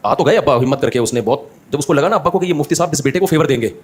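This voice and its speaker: A man's voice: fairly high pitch, expressive, very fast, slight background noise. A man giving a religious talk, telling humorous anecdotes and acting out the people in them. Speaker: Islamic scholar giving a talk.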